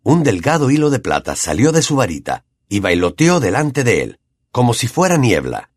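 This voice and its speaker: Husky, lively male audiobook narrator. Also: medium pitch, normal speed, dry recording, clean studio sound. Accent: Latin American Spanish. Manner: expressive, dramatic storytelling.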